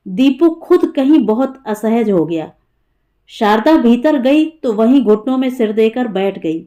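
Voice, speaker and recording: A woman narrating an audiobook story in a measured, expressive way. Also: a little high. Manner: slow and measured.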